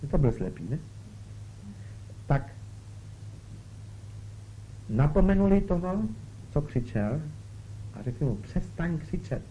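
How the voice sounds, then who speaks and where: A man's voice: fairly high pitch, very animated, pauses often, warm tone. A man preaching a spiritual talk, who keeps checking in with his listeners through short questions. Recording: dull lo-fi recording with faint hiss.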